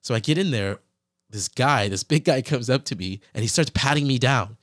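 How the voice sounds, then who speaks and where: A young man earnestly retelling a personal ordeal in casual storytelling, animated and quoting his own thoughts, now and then weaving in scripture. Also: mid-range voice, normal speed, dry recording, clean studio sound. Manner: references scripture while reflecting.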